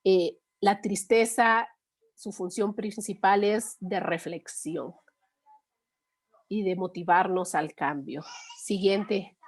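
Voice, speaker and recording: A middle-aged woman leads a course session. She speaks at a mid pitch and an even pace, and talks patiently and conversationally. She often pauses to check in with her listeners. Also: slightly rough. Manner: patient, conversational, frequent 'eh' and '¿no?'. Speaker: course instructor. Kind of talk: explaining with everyday examples.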